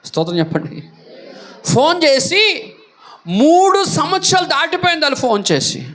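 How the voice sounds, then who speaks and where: A man's voice: very high-pitched, very animated, normal speed, fairly bright tone. A man preaching as pastor in a church, emphatic and repetitive, firing rhetorical questions. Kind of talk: sermon.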